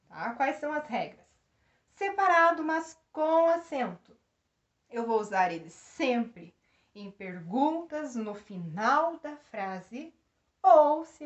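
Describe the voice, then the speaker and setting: A woman teacher explaining grammar slowly, checking in with her class after each point. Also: fairly high pitch. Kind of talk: grammar lesson. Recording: echoey room, dull lo-fi sound.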